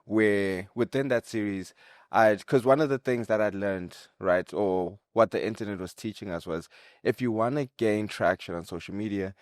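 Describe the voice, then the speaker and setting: A young man with a lowish voice talks through his story in a loose, easygoing way, peppering his lines with "like" and "right?". He comes from Zimbabwe and speaks as an interview guest. The sound is close and dry. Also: normal speed, dry recording. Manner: relaxed, conversational, uses "like" and "right?" often. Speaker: guest, content creator and videographer. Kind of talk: casual interview answers.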